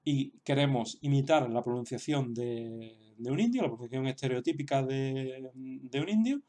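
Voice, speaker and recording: A man's voice: medium pitch, normal speed, dark tone. Hesitant man teaching. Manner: hesitant, many fillers and restarts. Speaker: Sanskrit teacher. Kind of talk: explanatory lesson.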